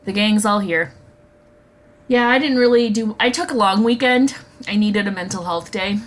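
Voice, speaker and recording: A woman's voice: mid-range voice, moderate pace, a little hiss or hum. Giggly woman podcast co-host, casual. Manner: chatty, giggly, swears freely. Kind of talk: casual chat.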